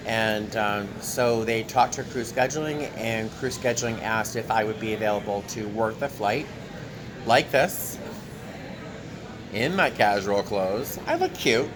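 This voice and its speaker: A man's voice: lowish voice, unhurried, a crowd in the background. A tired man chatting casually to his handheld camera as a flight attendant vlogger, recorded in an airport terminal. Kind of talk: casual vlog chat to camera. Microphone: handheld camera at arm's length. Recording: clear airport background noise.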